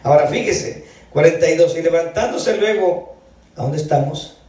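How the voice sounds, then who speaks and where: A man's voice: fairly high pitch, normal speed, dark tone. A man preaching an evening sermon, reading scripture aloud and calling his listeners brother. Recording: echoey hall, distant mic.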